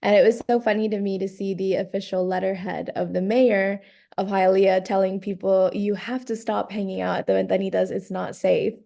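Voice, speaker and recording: Woman, podcast guest, relaxed storyteller, mellow tone, gravelly fry. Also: mid-range voice, moderate pace. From raised in Miami, born in Guatemala. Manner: relaxed storytelling, laughs easily. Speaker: guest, author and graphic designer. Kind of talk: casual interview. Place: London.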